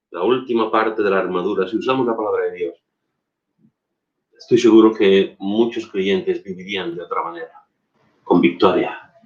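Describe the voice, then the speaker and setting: A man preaching a sermon as pastor, emphatic, repeating phrases and asking rhetorical questions. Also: lowish voice. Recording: dull lo-fi recording.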